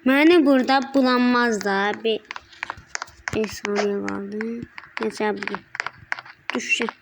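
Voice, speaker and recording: A woman giving casual gameplay commentary, excitable and breaking into high yelps and repeated shouts. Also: heavy background noise. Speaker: gaming channel host.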